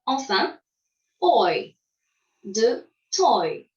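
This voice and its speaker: A woman teaches pronunciation at a very slow, deliberate pace, modeling each sound and leaving pauses for learners to repeat. Her voice sits a little high and sounds set back from the mic, in a roomy space with a dull, muffled recording. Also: big pitch swings, darkish tone, far from the mic.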